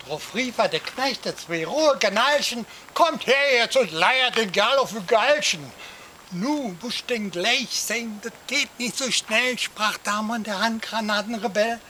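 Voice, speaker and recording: A man reciting a rhyming comic poem for an audience, lively, jumping up in pitch for shouted cries. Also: measured pace, slight background noise, low-quality recording. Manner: lively storytelling, swings voice up for quoted cries. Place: outdoor garden theatre.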